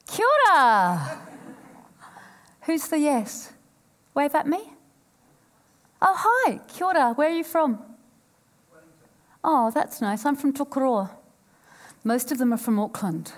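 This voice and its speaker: A woman in her fifties from New Zealand, giving a frank, playful personal storytelling talk on stage and joking with a live audience. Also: mid-range voice. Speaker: speaker at a live event.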